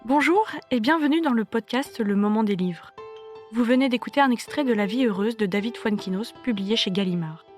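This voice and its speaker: A woman's voice: fairly high pitch, darkish tone, soft background music. Woman hosting a book podcast. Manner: measured, polished questioning. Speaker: podcast host. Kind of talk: interview questions.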